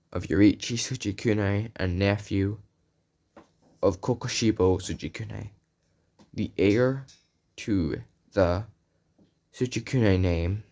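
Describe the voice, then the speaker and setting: A man voicing a calm, proud young male demon king in a spoken fan story, speaking in measured lines. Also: on the low side.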